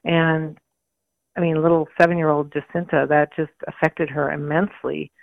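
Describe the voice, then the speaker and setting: A woman radio guest with a low, gritty, gravelly voice, hoarse, explaining religious matters conversationally. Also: little pitch movement, normal speed, no echo. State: hoarse from a mild allergy. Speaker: interview guest, communications director. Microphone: phone call. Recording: tinny phone line, radio interview.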